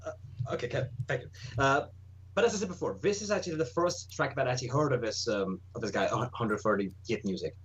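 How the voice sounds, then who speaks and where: A man on a casual voice chat, sharing his opinion of a musician in a halting way full of restarts. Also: mid-range voice, a bit bright, husky.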